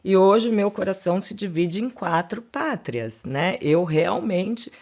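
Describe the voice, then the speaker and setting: A woman's voice: medium pitch, expressive, slow pace, darkish tone. A woman with a Brazilian Portuguese accent, a lawyer talking fluently as a podcast guest, often adding little tag questions. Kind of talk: casual interview chat.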